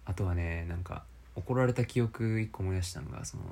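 A young man with a Kansai accent, rambling through a casual, self-mocking solo podcast in a low voice. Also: brisk, mellow. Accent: Kansai Japanese. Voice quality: low speaking voice.

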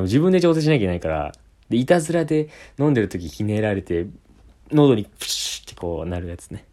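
Deep-voiced joking young man. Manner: joking, rambling, chuckles often, swings from loud to mumbled. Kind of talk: casual comic monologue.

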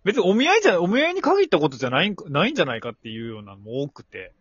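A man with a Kansai accent co-hosting a casual comedy podcast, trading quick banter and acting out silly skit lines. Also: a little high, huge pitch swings, fairly bright tone, slightly rough, dry recording. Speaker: podcast co-host. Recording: muffled lo-fi podcast audio.

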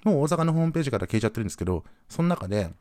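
A man from Gunma hosting a podcast, telling a story in a casual, animated way and acting out the voices of the people in it. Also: medium pitch, rapid-fire, dry recording, studio quality. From Gunma, Japan. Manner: animated, acts out quoted voices. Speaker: podcast host.

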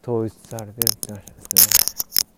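A man's voice: on the low side, little pitch movement. Very drunk young man rambling, noisy recording. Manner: halting drunken rambling, repeating and restarting words. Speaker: podcast host. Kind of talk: casual solo podcast monologue. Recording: clearly noisy recording with clicks.

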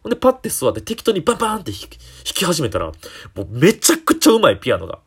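A young man, hosting a casual solo talk show, animated and full of fillers. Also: a little high, breathy edge. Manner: animated, many fillers, jumps between quick and drawn-out phrasing. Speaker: comedian podcast host.

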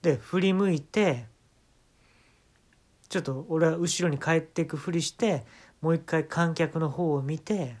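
A man's voice: a little high, unhurried, pauses often, darkish tone. A man with a Kansai accent telling a comic story as a monologue, acting out sounds and quoted lines along the way. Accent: Kansai Japanese.

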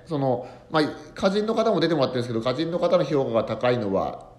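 A man's voice: mid-range voice, very animated, quick pace, a little mellow. A man hosting a casual solo podcast, telling a rambling story with many fillers. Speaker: podcast host, comedian and tanka poet.

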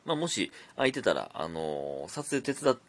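A man's voice: deep voice, very animated, moderate pace. A young man with a Kansai accent hosting a casual solo podcast, chatting and reading listener messages aloud. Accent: Kansai Japanese. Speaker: podcast host.

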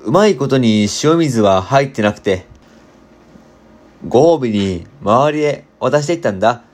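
A man's voice: mid-range voice, lively intonation, unhurried. A man narrating a children's classic in a chatty, storytelling tone, as a volunteer reader.

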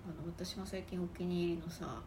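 A woman co-hosting a casual podcast chat, chatty and quick to tease. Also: lowish voice, noisy background. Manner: quick, chatty, teasing reactions. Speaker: podcast co-host.

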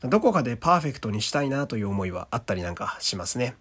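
A man's voice: mid-range voice, big pitch swings, racing, a bit bright, breathy edge. A male voice actor hosting his own talk radio show, chatting casually in a put-on Kansai dialect, laughing often and reading listener letters aloud. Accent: put-on Kansai dialect mixed with standard Japanese.

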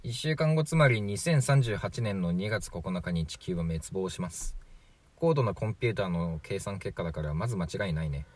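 In an amateur radio drama, a man with a low voice plays a chatty, flippant 43-year-old from the future. He's animated at a moderate pace, glib and matter-of-fact, casually explaining things.

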